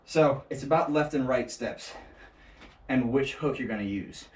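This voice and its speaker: Unhurried and darkish in tone, a medium-pitched male voice guides a laid-back martial arts lesson indoors, full of jokes and thinking aloud during demonstrations. The far-off action camera microphone makes the room echo, with faint noise present.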